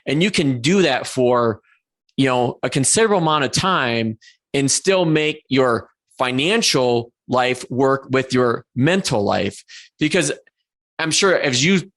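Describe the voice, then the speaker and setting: A man in his forties hosts a podcast conversation with a mid-pitched, ordinary voice. He talks earnestly and casually, often restarting his thoughts as he goes. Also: lively intonation, unhurried, fairly bright tone. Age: 40s. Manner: earnest, self-correcting with frequent restarts. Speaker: podcast host. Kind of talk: conversational interview.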